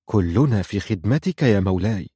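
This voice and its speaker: A man voicing a calm, loyal chess vizier who answers the king quietly and hesitantly. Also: on the low side, normal speed, husky, no room sound, studio quality. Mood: calm deferential.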